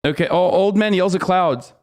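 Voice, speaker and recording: A man's voice: high voice, moderate pace, background noise. A man in his thirties ranting with exasperation as he reacts to a clip on a livestream, swearing often and slipping into mocking outrage. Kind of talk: casual livestream reaction commentary.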